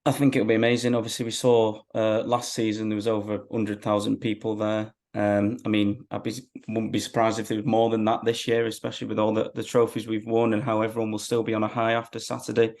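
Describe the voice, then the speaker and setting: A man's voice: on the low side, monotone, fast, hardly any pauses, darkish tone. A man, chatting casually as a football fan being interviewed.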